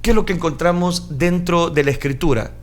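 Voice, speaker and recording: A male preacher giving a sermon, retelling scripture dramatically and switching between calm explanation and loud acted outbursts. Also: a little high, a little fast. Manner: dramatic, shouts acted crowd lines.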